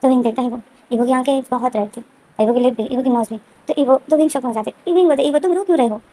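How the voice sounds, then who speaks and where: A woman recapping a story in a casual, rambling way, circling back over the same points with many restarts. Her voice is high and quick, with a dark, mellow tone. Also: low-quality recording. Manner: repetitive, frequent restarts and fillers. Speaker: story explainer.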